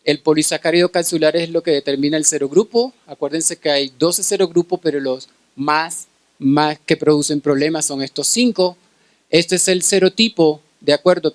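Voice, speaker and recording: A middle-aged pediatric infectious disease specialist from Cartagena, Colombia, gives a lecture at a medical conference in a Colombian Caribbean accent. His voice is a little high and the recording dry, and he often checks in with his audience using short tag questions.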